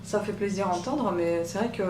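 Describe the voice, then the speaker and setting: A woman with a soft voice talking through a makeup tutorial in a relaxed, chatty way, pausing often. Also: mid-range voice, recorded from a distance. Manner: chatty, hesitant with many pauses. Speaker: beauty vlogger. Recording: roomy echo, off-mic, machine hum. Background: machine hum.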